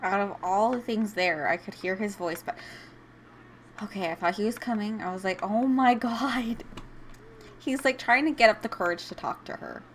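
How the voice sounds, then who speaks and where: A woman's voice: medium pitch, fairly quick, a bit bright. Young woman talking thru her game, chatty and emotional, bit of faint hiss behind. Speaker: gaming video host. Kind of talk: casual gameplay commentary.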